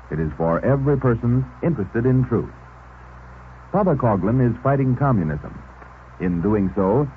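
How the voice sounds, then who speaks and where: A man announcing on an old 1930s radio show, reading a formal, measured appeal to listeners. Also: mid-range voice. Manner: formal, measured, persuasive delivery. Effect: old 1930s radio broadcast. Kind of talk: scripted on-air announcement. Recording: tinny, hissy 1930s radio recording.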